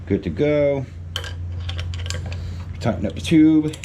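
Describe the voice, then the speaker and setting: Here the DIY mechanic's voice is a little high with lively intonation, slow and dark in tone, and the sound is lo-fi. He walks through a repair test casually in short muttered steps, a handheld camera moving around as tools clank and the workshop hums.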